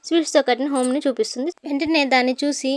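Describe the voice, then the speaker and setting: A woman briskly retelling a TV serial episode, quoting each character's lines as she goes. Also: high-pitched, fairly even intonation, dry recording. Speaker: serial recap narrator.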